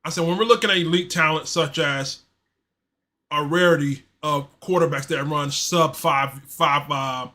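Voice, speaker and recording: A man hosting a casual live-stream sports show, talking in a loose, slangy, animated way and reading chat messages aloud. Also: on the high side, normal speed. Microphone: streaming mic.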